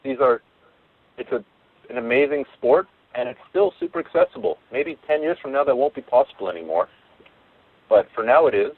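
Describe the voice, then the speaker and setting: A man's voice: medium pitch, sing-song, fairly quick, vocal fry, slightly rough, no echo. A man being interviewed as a guest, talking frankly and casually about his sport. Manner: frank, easygoing, loose phrasing. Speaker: interview guest, martial arts instructor. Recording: dry phone-line audio.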